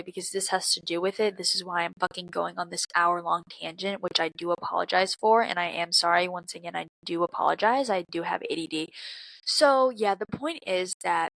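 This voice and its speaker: A woman's voice: lowish voice, fairly bright tone, no echo, poor audio. A young woman in her twenties hosts her own podcast, venting in a loose, profane confessional ramble full of fillers and slang. Her voice sounds a little congested from crying, and the recording is very dry and close, with no room sound at all. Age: 20s. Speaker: podcast host. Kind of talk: casual confessional monologue.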